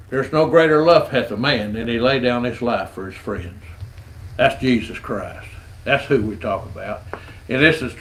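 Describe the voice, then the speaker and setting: In a low-quality recording, a man with a mid-range voice, a street rodder, shares his faith through an earnest, folksy evangelistic testimony. He often repeats words as he talks.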